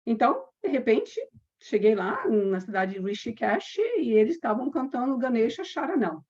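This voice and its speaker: A woman from Brazil, a yoga teacher, telling a personal story with quoted dialogue and slow chanted mantras. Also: a little high, very animated, a little mellow, husky. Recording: dull lo-fi sound.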